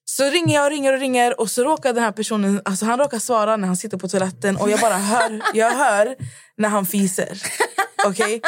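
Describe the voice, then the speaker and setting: A young woman with a fairly high voice co-hosts a casual podcast chat, animatedly telling a story and acting out both sides of a conversation. There's no room sound.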